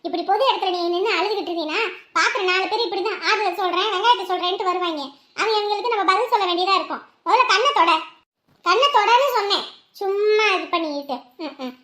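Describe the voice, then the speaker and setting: A woman playing a blunt, sharp-tongued young woman who scolds her friends and strangers. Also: extremely high pitch. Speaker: outspoken friend. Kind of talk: web series acting.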